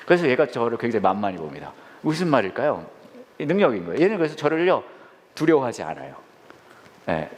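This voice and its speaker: A man who is a pastor, teaching a Bible study in an animated way, asking the audience questions and answering them himself. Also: fairly high pitch, in a large hall. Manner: acts out quoted lines in changed voices.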